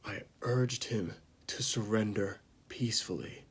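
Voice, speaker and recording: A man with a fairly low, husky voice performs an amateur monologue as a disgraced, bitter knight who confesses to slaying a mad king. The delivery is halting and dramatic, sinking at times into whispers, and the mood feels grave and confessional.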